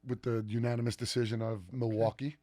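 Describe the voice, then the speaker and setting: A man's voice: mid-range voice, flat delivery, quick pace, warm tone, dry recording, clean studio sound. A young man co-hosting a sports podcast, rambling, teasing and swearing in casual chat. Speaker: podcast co-host.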